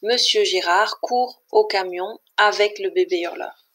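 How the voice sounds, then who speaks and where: A woman reading a children's story aloud for language learners, in a clear, measured way. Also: medium pitch, fairly bright tone. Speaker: reader.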